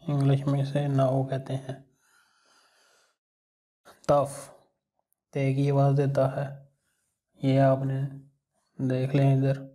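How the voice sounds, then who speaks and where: A man with a Pakistani Urdu accent walks through an alphabet lesson at an unhurried pace. His voice is dark and mellow and stays almost perfectly level, and he patiently repeats each sound. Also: medium pitch. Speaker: language teacher.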